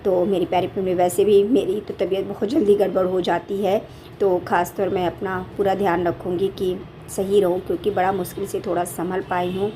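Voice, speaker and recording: A woman vlogging casually from her home kitchen on a handheld phone, warmly calling her viewers family. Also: medium pitch, level tone, fairly quick, slight background noise. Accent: Hindi. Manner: affectionate, repeatedly addresses viewers as family. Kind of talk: casual daily vlog chat.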